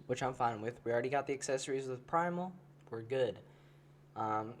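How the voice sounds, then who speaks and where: A man's voice: mid-range voice, a little mellow, a little hiss or hum. Congested man hosting a casual podcast. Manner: rambling with many fillers and restarts. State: congested, has a cold. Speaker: podcast host. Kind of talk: casual toy review chat.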